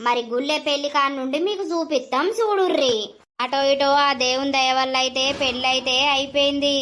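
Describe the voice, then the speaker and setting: A woman with a Telangana accent narrating an animated village story, chatting directly to viewers. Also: sits high, fairly quick, a little hiss or hum. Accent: Telangana Telugu.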